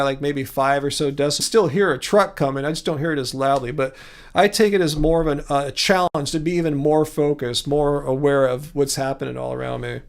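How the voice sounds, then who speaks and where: Recorded up close on a home studio mic, a man hosting a livestream talks through viewer comments in a relaxed, rambling way. His voice sits on the high side, slightly raised with a gravelly edge, and he keeps restarting sentences and laughing softly.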